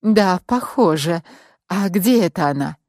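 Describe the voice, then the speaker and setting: A woman's voice: on the low side, expressive, measured pace, a little mellow, dry recording, clean studio sound. A woman voicing a practical, skeptical female friend who makes plain, doubtful remarks in an audiobook.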